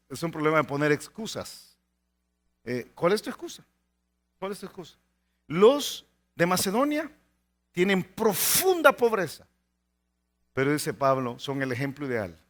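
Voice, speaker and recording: Animated, high-pitched male preacher. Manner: animated preaching, acts out quoted voices in anecdotes; frequent rhetorical "¿verdad?" asides to the congregation. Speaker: pastor. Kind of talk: sermon.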